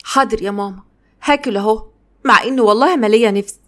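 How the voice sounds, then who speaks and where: A woman's voice: fairly high pitch, fast, a bit bright, natural voice. A woman with an Egyptian Arabic accent voicing a sad young wife who speaks wearily and reluctantly. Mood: weary. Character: sad young wife, refusing her husband.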